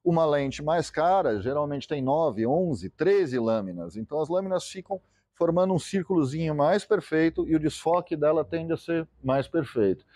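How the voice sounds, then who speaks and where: A man's voice: fairly high pitch, lively intonation, moderate pace, warm tone, no echo. A man with a Brazilian accent giving an informal explanatory lecture as a photography presenter, in a colloquial way full of diminutives.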